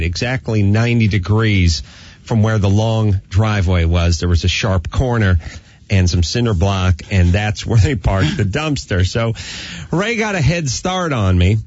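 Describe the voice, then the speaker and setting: A man's voice: fairly low pitch, lively intonation, measured pace, muffled recording. A man hosting a radio show, rambling through a childhood story with digressions. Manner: rambling, digressive, laughs while telling. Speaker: radio host. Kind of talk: casual storytelling on air.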